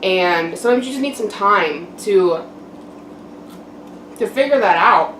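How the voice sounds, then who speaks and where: A woman's voice: mid-range voice, lively intonation, unhurried, a bit bright. Young woman vlogging, distant and echoey. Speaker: mukbang vlogger. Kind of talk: casual personal monologue to camera. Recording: roomy echo, distant mic, background noise.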